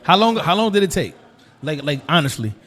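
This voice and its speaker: A man's voice: a little high, big pitch swings, a little fast, fairly bright tone. A man from New York hosting a casual interview, laid-back and affirming. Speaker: host, DJ.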